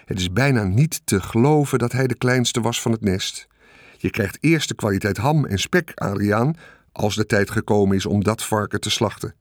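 A man voicing a calm, matter-of-fact farmer in an audiobook. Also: on the low side, normal speed, no echo, clean studio sound, close to an everyday voice.

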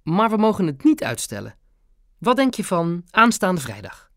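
Earnest 11-year-old boy, excitable and quick, read by a male narrator. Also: high-pitched, no echo, studio quality, pitched above the performer's own voice, full character voice. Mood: eager.

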